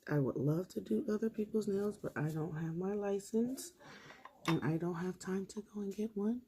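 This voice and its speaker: A woman vlogging at home, chatting in a relaxed way as she works on her nails. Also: medium pitch, normal speed, a little hiss or hum. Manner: relaxed, chatty, talks while working. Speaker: nail art vlogger. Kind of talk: casual tutorial chat.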